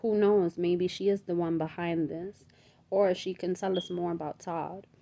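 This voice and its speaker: A woman's voice: on the low side, a little slow, vocal fry. A woman reading aloud as a practical, level-headed sister who speaks firmly. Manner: firm, calming.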